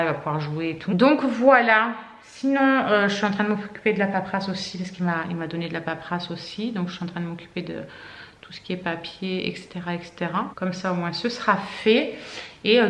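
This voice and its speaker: A woman's voice: fairly low pitch, fairly bright tone. A woman in her thirties, a mother chatting casually through her day at home in a rambling way, full of fillers and "et cetera". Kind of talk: casual vlog chat. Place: family home, indoors. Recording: roomy echo in a home.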